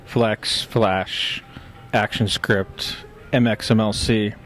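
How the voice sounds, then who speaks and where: A man's voice: on the low side, steady tone, slow, fairly bright tone, faint music behind. A man co-hosting a casual podcast in a joking, teasing manner. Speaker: podcast co-host.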